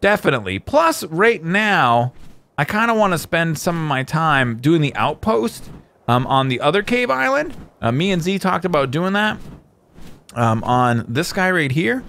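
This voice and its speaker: A chatty man talking over his gameplay in a loose, rambling way, often stopping to correct himself. His voice sits somewhat high for a man and swings widely in pitch. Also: very animated, measured pace, vocal fry, a bit bright. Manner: rambling, chatty, frequent fillers and self-corrections. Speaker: gameplay video host. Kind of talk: casual gameplay commentary.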